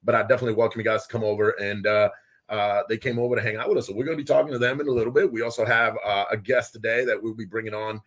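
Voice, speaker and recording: A man hosting a casual live show from a small studio with guests, loud and excitable, often laughing. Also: fairly low pitch, very fast. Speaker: host.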